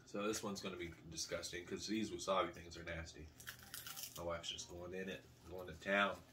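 A man's voice: deep voice, little pitch movement, moderate pace. A man in his thirties hosting a homemade food challenge video, chatting casually as he tastes. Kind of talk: casual chat while tasting food. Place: small living room at a table, indoors. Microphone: camera a couple of metres away. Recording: faint room noise, distant camera mic.

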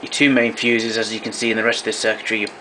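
A man with a fairly low, flat-pitched voice talks fast as he walks through equipment technically and matter-of-factly. He is a hobbyist demonstrator filmed on a camera mic in an indoor room at home, and the background is noisy.

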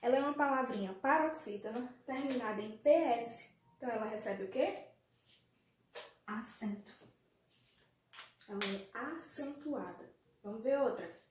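A woman's voice: on the high side, measured pace, long pauses. A Brazilian woman teaching a remote primary school class, speaking affectionately and asking the pupils questions. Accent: Brazilian Portuguese. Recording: echoey room, faint noise.

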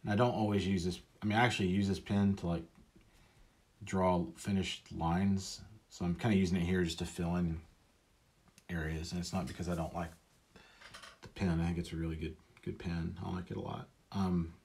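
A man's voice: low-pitched, flat delivery, moderate pace, gravelly, a little mellow. A man talking casually and rambling as he inks a drawing, often mocking himself. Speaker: illustrator. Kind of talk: casual talk while drawing.

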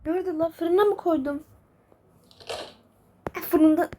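High-voiced, panicky woman role-playing. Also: steady tone, takes it slowly, dark tone. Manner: frantic, panicky self-talk. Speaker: video creator narrating a game role-play. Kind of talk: role-play narration, talking to herself. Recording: noisy background with clicks.

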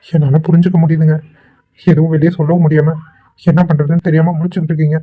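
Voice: mid-range voice, flat delivery, narrow, tinny audio, natural voice. Someone voicing an anxious young cartoon man. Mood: concerned. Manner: anxious, pleading, talks quickly. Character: kind worried young man rescuing a girl. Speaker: cartoon character. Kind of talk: Tweencraft cartoon voice acting.

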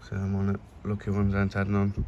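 A man's voice: lowish voice, monotone, a little fast, dark tone, dull audio. A man giving a chatty, plain-spoken tour of his allotment and then his indoor plants, filming on a handheld phone. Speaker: allotment vlogger. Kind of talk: casual walk-through commentary. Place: windy allotment outdoors, then a room at home. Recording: outdoor wind noise, then indoors.

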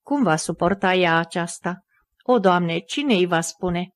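A woman's voice: on the low side, no room sound, clean studio sound, natural voice. A woman reading the groaning, pleading lines of a shaken man, a former rebel.

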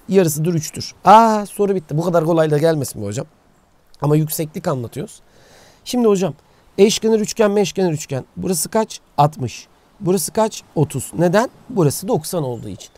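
High-pitched yet dark in tone, a man's voice comes through with no room sound. He's a math teacher leading a casual outdoor geometry lesson by the sea, asking himself questions and answering them as he talks to himself.

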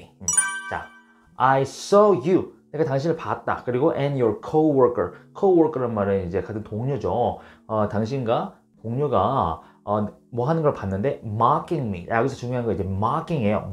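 A Korean-speaking man gives a casual English lesson, and his pitch swings up and down as he explains. He drills each phrase slowly and clearly. Faint background music plays under his voice. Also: darkish tone. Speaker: English teacher.

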